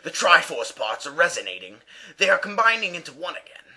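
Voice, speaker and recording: A man's voice: fairly high pitch, sing-song, brisk, bright, forceful tone. A young man giving casual, rambling and joking commentary while playing a video game. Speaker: let's play co-host. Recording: game music playing behind.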